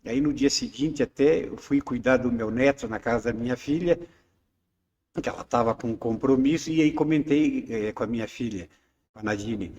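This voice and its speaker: A man's voice: mid-range voice, normal speed, a little mellow, long reverb tail, muffled recording. A man in his seventies, a poet being interviewed, who talks hesitantly with many fillers and restarts. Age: 70s. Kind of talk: casual interview chat.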